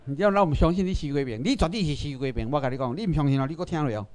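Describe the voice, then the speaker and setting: A man's voice: a little high, very fast, a little mellow. A man with a Taiwanese accent gives a political lecture to a class, firing rhetorical questions and asking the audience to raise hands.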